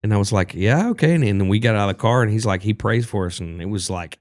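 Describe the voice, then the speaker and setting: A man's voice: fairly low pitch, steady tone, quick pace, darkish tone, dry recording, studio quality. A man from Texas, a singer-songwriter, talking casually as a podcast guest and telling loose stories. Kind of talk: casual conversation.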